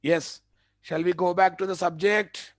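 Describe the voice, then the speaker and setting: A man's voice: sits high, steady tone, a little slow, no room sound. Emphatic Telugu-accented male instructor, close dry sound. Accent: Telugu-accented Indian English. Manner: repetitive, emphatic, rhetorical check questions. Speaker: web development instructor. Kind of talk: live online lecture to students.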